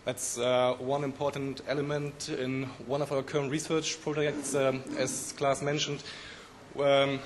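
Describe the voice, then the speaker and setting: Hoarse croaky man, halting technical talk, ums and uhs, slight background hiss. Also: mid-range voice, level tone. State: hoarse from a flu. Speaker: conference speaker. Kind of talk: technical conference presentation.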